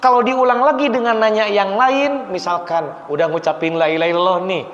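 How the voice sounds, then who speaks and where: A man teaching a mosque class on funeral rites, patiently explaining to the audience and reciting Arabic phrases slowly. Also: high-pitched, a bit bright. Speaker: religious teacher. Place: mosque hall. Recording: echoey hall, dull lo-fi sound.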